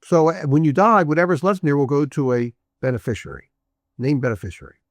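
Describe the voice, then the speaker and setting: A man voicing an eager, breezy male annuity salesman who answers with quick, upbeat yeses. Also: on the high side, expressive, no echo, studio quality, natural voice. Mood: eager salesy.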